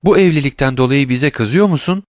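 A man's voice: mid-range voice, fairly quick, no echo, clean studio sound, voice pushed up, lightly acted. A man voicing a tearful, devoted young granddaughter in an audiobook, earnest and pleading. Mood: eager. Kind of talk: audiobook reading.

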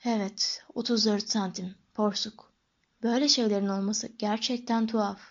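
A woman's voice: fairly even intonation, moderate pace, highs cut off, natural voice. Ollivander, a woman doing a murmuring old wandmaker. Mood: hushed, musing. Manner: soft murmuring, slightly lowered voice. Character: old male wandmaker, eccentric and intense.

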